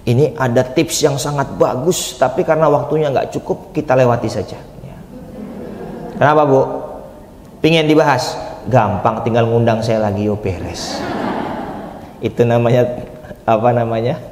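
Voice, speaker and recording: A man's voice: mid-range voice, normal speed, pauses often, a little mellow, slight background noise. A man giving a conversational sermon, asking the audience questions and answering them himself. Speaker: preacher. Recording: echoey hall, reverberant.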